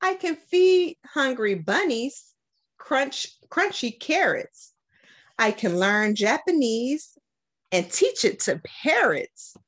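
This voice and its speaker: A school principal from Detroit, an animated American woman with a high-sitting voice, reads a picture book aloud to children at a slow pace for storytime. She's recorded on a webcam about arm's length away.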